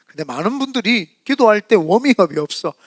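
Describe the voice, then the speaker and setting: A man pastor preaching a sermon in a lively storytelling manner, often acting out quoted prayers and dialogue. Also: high voice, fairly quick, no room sound, studio quality. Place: church sanctuary.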